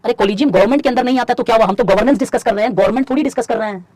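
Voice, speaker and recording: A man teaching an online exam-prep class. He talks fast, asks the students rhetorical questions, and slows right down to dictate lines for them to write. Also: extremely high pitch, darkish tone, no echo. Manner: fast in Hindi, slow dictation in English. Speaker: civil services exam teacher.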